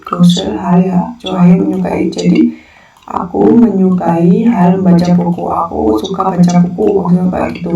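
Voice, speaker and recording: A Korean language teacher giving a casual online lesson, explaining in a relaxed, chatty way and repeating points often. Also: mid-range voice, gravelly. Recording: roomy, distant, dull lo-fi sound.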